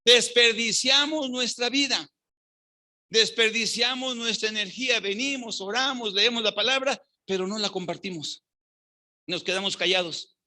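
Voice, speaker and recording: A man's voice: high voice, moderate pace, bright, forceful tone. A man with a Mexican accent preaching a sermon as pastor, fervent and often asking the congregation rhetorical questions.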